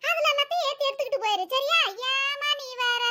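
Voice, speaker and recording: Nosy, teasing village women from a comedy cartoon, all done by a woman. They scold and tease in a very high, squeaky voice with a bright, sharp tone. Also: fast talker. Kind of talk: animated comedy dialogue.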